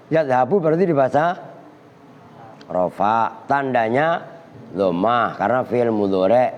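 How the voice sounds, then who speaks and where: Slow, teasing kyai teaching grammar. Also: male voice, medium pitch, darkish tone. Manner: teasing, scolding students between slow recitation. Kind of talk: pesantren kitab lesson. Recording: dull lo-fi audio in a reverberant hall.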